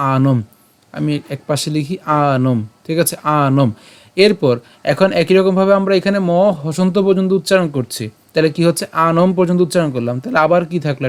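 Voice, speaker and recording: A man teaching scripture recitation online, breaking each word into syllables and chanting verse lines slowly. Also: on the high side. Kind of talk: online pronunciation lesson.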